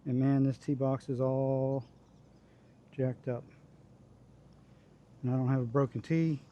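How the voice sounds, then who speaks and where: Low-key man giving mellow golf commentary. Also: flat delivery, slow, highs cut off. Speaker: amateur golfer recording his own round. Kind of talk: casual self-narrated golf commentary. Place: outdoors on a golf course.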